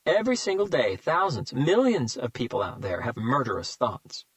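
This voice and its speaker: Reading from an audiobook, a medium-pitched male voice swoops wildly up and down as he portrays a smug, taunting serial killer. There's no echo, and his delivery is mocking, slow, and relishing every word.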